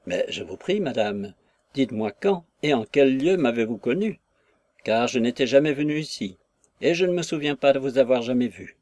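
A man's voice: mid-range voice, lively intonation, moderate pace, darkish tone, no room sound, close to an everyday voice. A man voicing a lovesick, earnest young man who speaks in effusive, impassioned outbursts, in an audiobook reading of a classic novel. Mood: puzzled. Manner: impassioned, effusive, with sighs and exclamations.

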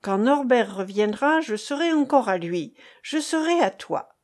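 Woman reader playing a headstrong young lover in an audiobook: impassioned, pleading, highish voice, slow delivery. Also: expressive, a little mellow. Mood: passionate. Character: passionate young woman in love, defiant. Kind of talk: audiobook character reading.

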